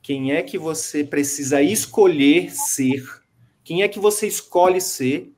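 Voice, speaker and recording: An emphatic, motivational man coaching a client over a video call. His voice sits a little high for a man, and he hammers his points home by repeating key phrases. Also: slow pace, a little mellow, a little hiss or hum. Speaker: mentor. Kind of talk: online coaching consultation.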